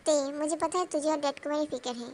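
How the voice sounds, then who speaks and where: A woman voicing a lovesick young woman in a fan-dubbed drama, speaking quietly and wistfully. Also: sits high, fast talker, slight background noise, lightly acted.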